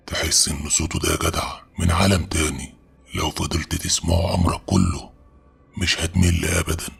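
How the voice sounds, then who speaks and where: A man with an Egyptian Arabic accent narrates a horror tale in a very low, heavily gravelly voice. His tone is casual and streetwise, and the sound is strongly husky and rough throughout. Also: fairly bright tone. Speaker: horror storyteller. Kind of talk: first-person horror narration.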